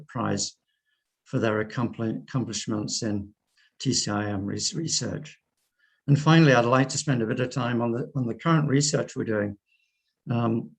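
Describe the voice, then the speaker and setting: An older man with a hoarse, croaky voice, giving a halting conference presentation over a video call. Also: mid-range voice, a little mellow, low-quality recording. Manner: halting, often repeats and breaks off words. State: hoarse from wildfire smoke and asthma. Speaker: research scientist and clinical pathologist, invited speaker. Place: remote online presentation by screen share. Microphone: video call microphone.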